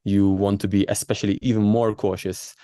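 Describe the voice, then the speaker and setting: A man speaking as an interviewed doctor, explaining in a conversational way with halting, repetitive phrasing. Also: on the low side, level tone, dark tone, clear, resonant tone, dry recording. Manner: halting, hesitant phrasing with repeated words. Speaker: doctor and researcher being interviewed.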